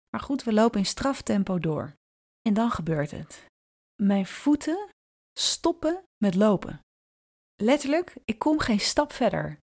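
A woman podcast host telling a personal story in an intimate, vivid way, slowing and drawing out her phrases and dropping into soft asides. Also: medium pitch, vocal fry. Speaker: podcast host and brand strategist.

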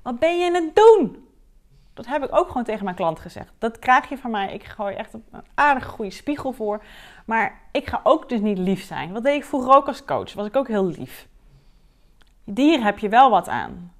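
A woman's voice: fairly high pitch, normal speed. A woman coach speaking straight to the listener in a podcast monologue, frank and direct, acting out the things her client and she herself said. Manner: direct, animated, acts out client and herself in quotes.

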